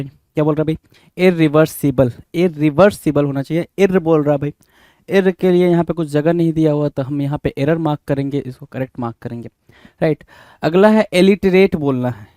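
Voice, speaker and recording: A man's voice: fairly high pitch, dark tone, no room sound. Man spelling out words letter by letter. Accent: Indian. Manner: often adds "bhai" to address viewers. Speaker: teacher. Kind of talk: spelling lesson, checking answers.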